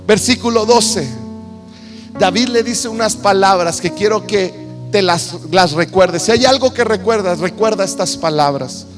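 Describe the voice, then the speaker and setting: A man preaching, retelling a Bible story with animated, acted-out quotes. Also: high voice, unhurried. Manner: animated, acts out scenes with shouted quotes. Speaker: pastor. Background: soft piano.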